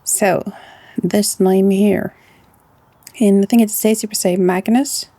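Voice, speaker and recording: A woman with a Norwegian accent hosting a casual let's-play, chatty and often dropping into a soft half-whisper. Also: mid-range voice, level tone, slow pace, no room sound. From Norway. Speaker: gaming channel host.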